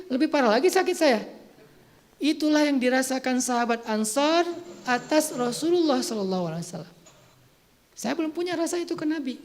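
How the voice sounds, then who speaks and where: A man in his forties from Aceh, preaching in an informal, chatty storytelling way. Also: extremely high pitch. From Aceh, Indonesia. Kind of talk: casual conversational sermon.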